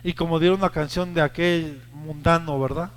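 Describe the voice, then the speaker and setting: A man, a pastor with a Mexican Spanish accent, preaching a sermon to his congregation, rising to shouted peaks and acting out the voices he quotes. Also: on the high side, steady tone, normal speed, long reverb tail. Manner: addresses the congregation directly with call-and-response prompts.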